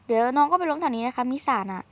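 Woman, high-pitched, casual game commentary, teasing, exclamatory, desk microphone. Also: racing, no room sound. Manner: chatty, teasing, exclaims often. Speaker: gaming streamer.

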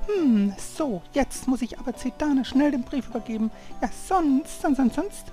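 A man voicing a bratty little girl from a video game, squeaky, whiny and indignant. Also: expressive, moderate pace, dark tone, faint music behind. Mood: fretful. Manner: squeaky, pleading, theatrical. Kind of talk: hobby dub of video game dialogue.

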